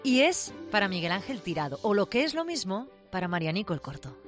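A woman's voice: mid-range voice, sing-song, a little fast, soft background music. Woman radio host interviewing a guest. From Aragón. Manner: repeats words while searching for phrasing.

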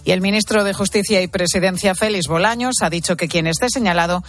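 A woman's voice: lowish voice, fast talker, no room sound. Spanish newsreader woman over music. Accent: Spain. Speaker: radio news presenter. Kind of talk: scripted news narration. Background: music bed.

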